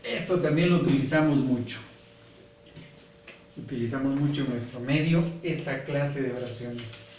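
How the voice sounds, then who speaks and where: A man with a Guatemalan Spanish accent teaching a grammar lesson slowly and patiently, often checking in with "¿verdad?". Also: medium pitch, a little mellow. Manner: patient, repeats points, often asks "¿verdad?". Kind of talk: slow classroom grammar lesson. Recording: echoey room, voice from far off, faint noise.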